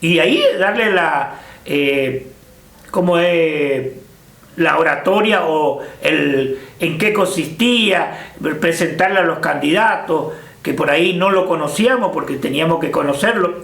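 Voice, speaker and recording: A man's voice: a little high, animated, a little slow, vocal fry, a bit bright, reverberant. An older man with an Argentine Spanish accent, recalling the past in a hesitant interview, full of fillers and restarts. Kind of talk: casual reminiscing interview.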